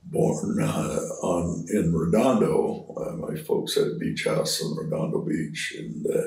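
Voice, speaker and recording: Gravelly, halting older American man. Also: low voice, animated, a little mellow. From California Bay Area, USA. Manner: halting, rambling storytelling. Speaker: interview guest. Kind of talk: casual reminiscing. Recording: roomy, distant computer-speaker pickup.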